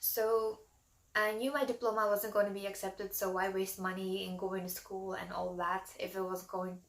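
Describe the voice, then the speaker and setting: A woman in her twenties talks casually and openly to her viewers, her speech loose and full of "like" and "you know." Her voice sits at an ordinary middle pitch. The sound carries a noticeable room echo. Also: level tone, normal speed. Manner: frank, chatty, many "like"s and "you know"s. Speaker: vlogger. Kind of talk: casual personal talk to camera. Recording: echoey room.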